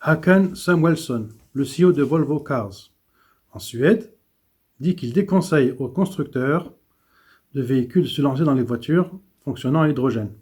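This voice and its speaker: A man's voice: mid-range voice, lively intonation, moderate pace, a little mellow, slightly rough. A man reading economic and environmental news commentary, with small stumbles and restarts.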